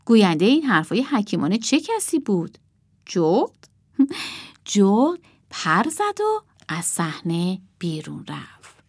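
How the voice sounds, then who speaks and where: A woman narrating a storybook aloud, expressive and dramatic, sometimes dropping to a whisper. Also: mid-range voice, slightly rough, no room sound, studio quality. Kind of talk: storybook reading.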